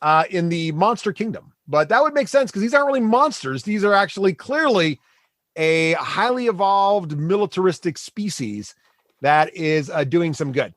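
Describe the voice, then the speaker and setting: Male game master, lively intonation, fairly high voice, dry close sound, halting casual narration. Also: no room sound. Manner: halting, thinking aloud while narrating.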